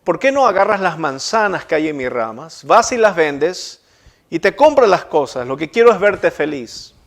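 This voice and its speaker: A man's voice: fairly high pitch, sing-song, moderate pace. A man voicing a tender, selfless apple tree. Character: gentle generous old apple tree, loving and selfless.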